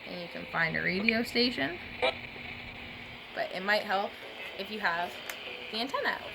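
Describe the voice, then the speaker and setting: This reviewer speaks at a moderate pace in a medium, somewhat creaky voice with lively intonation, over background noise. Her hands-on product demo is informal and chatty, full of self-corrections.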